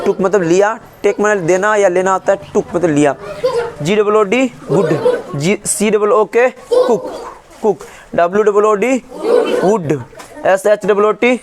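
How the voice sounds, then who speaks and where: A man's voice: sits high, background noise. A male English teacher in a classroom, spelling words letter by letter and quizzing his class with repeated questions. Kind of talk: classroom lesson.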